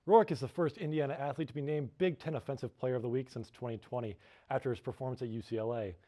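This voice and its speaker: A man's voice: medium pitch, fast talker, dark tone. A young man presenting a scripted sports segment as a reporter in a TV studio.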